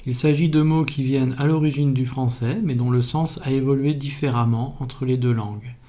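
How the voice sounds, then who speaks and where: A man calmly explaining spelling in a video lesson, methodical and even. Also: mid-range voice, normal speed. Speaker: French language teacher.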